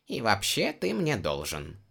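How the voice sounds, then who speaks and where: Man voicing a wry, gravelly woman shaman. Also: lowish voice, huge pitch swings, unhurried, a bit bright, pitched above the performer's own voice, full character voice. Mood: teasing. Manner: scolding, teasing. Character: wry, stern female shaman healer.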